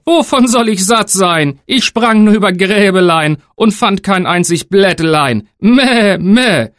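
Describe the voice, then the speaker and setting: A man voicing a hungry, complaining nanny goat in a storybook reading, with a bleating, drawn-out sing-song. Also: sits high, expressive, a bit bright, no echo, studio quality, pitched above the performer's own voice. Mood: whiny.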